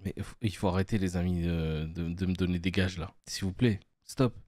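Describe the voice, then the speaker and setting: A man's voice: sits low, fairly even intonation, moderate pace, a little mellow, no room sound, clean studio sound. A young man streaming a live reaction to the news, arguing heatedly and repeating his points. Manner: heated, repetitive, argumentative.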